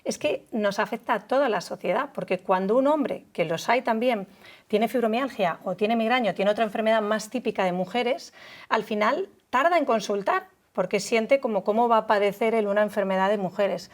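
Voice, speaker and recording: Measured woman doctor explaining calmly. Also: mid-range voice. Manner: measured, explanatory, with hesitant restarts. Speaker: guest, doctor. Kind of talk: explanatory talk-show discussion.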